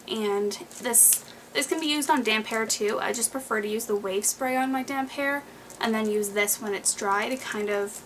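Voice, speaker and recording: A woman's voice: on the high side, fairly bright tone, slight background noise, low-quality recording. A young woman in her twenties chatting through her favorite beauty products in a home vlog, rambling with lots of fillers and a little out of breath. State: slightly out of breath. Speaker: beauty vlogger. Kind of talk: casual monthly favorites vlog.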